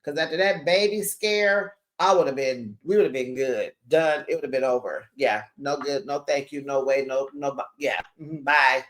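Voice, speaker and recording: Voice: mid-range voice, moderate pace, hardly any pauses, fairly bright tone. A host, giving a sassy, slangy, casual reality-TV recap straight to viewers.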